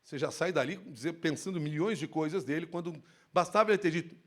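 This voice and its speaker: A man speaking on stage at a workplace safety event, giving an expressive live lecture into a handheld microphone. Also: a little high, fast talker. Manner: animated, expressive, shifts tone to demonstrate.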